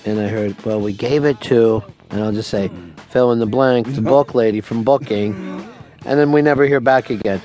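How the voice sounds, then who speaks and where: A man's voice: medium pitch, normal speed, mellow, faint music behind. A man hosting a talk radio show, trading sarcastic, profane jabs with his co-hosts in the studio. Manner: teasing, sarcastic, swears freely.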